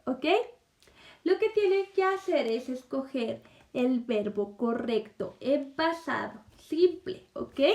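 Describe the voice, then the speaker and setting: Lady teacher, high voice, super slow patient explaining to kids. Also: darkish tone. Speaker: primary school English teacher. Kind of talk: recorded online lesson.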